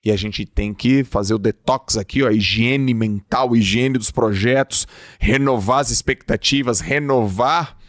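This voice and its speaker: A man's voice: medium pitch, measured pace, no echo, studio quality. A man giving a motivational talk, emphatic and casual, acting out short everyday dialogues as he talks. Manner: emphatic, acts out little dialogues. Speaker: motivational speaker.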